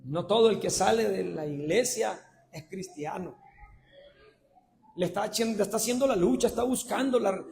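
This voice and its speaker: A man preaching a sermon, swinging between shouted passionate lines and low conversational asides. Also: creaky.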